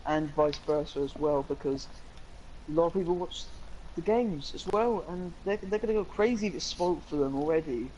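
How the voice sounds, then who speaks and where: A man's voice: on the high side, moderate pace, darkish tone, dull audio, slight background noise. Eager rambling young man. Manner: rambling and eager, with frequent fillers. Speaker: co-host. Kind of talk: casual live-stream chat.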